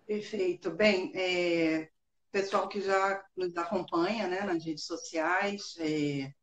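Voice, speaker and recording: A woman's voice: fairly low pitch, steady tone, slow pace, reverberant, a little hiss or hum. A woman hosting an interview, friendly, often ending with tag questions. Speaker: host.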